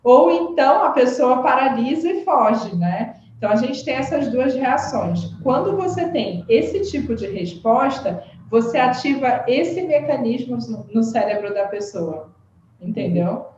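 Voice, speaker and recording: A woman explaining communication habits in conversation, animated and tagging her sentences with questions. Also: high voice, a little slow, a little hiss or hum. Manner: animated, frequent "né?" tags. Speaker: communication expert guest. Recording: very echoey dull-sounding room.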